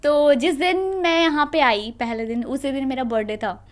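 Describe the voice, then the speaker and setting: Young female student guest with a high, lively voice, chatty and animated. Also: normal speed. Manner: animated, laughing storyteller who acts out family dialogue. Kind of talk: casual interview storytelling.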